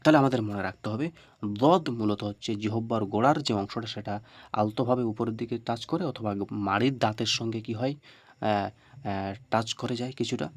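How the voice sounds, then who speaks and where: A man giving an informal spoken lesson on Arabic pronunciation. He asks questions and answers them himself, and slowly repeats each sound for the listener. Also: on the low side, dry recording.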